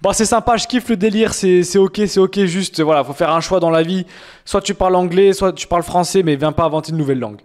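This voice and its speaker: Young man, high voice, slangy mocking streamer chat, faint music behind. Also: fast talker. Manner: mocking, slangy, exaggerated complaints.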